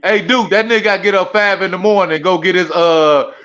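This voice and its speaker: High-voiced man roasting his friends. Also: fairly even intonation. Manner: loud, rapid trash talk, acting out mocking impressions. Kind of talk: casual roasting banter on a group call.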